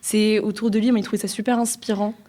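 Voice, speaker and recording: A woman's voice: mid-range voice, flat delivery, fast talker, mellow, lightly acted. Woman doing a male painter in a student radio skit, chatty, lots of bens and euhs, mid voice. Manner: casual, hesitant with fillers. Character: male artist Keith Haring recalling his youth. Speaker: student role-playing an interview. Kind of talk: improvised radio role-play.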